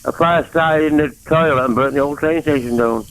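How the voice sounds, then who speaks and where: On a rough phone-in recording, an English caller with a Mancunian accent rambles and hops from one topic to the next. His voice is fairly high, a bit bright, and he talks a little fast.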